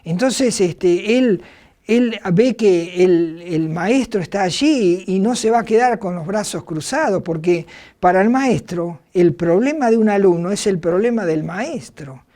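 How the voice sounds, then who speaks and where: A woman's voice: mid-range voice, expressive, unhurried, mellow. Argentine woman telling a bible story. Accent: Argentine Spanish. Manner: hesitant, many fillers and restarts. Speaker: preacher.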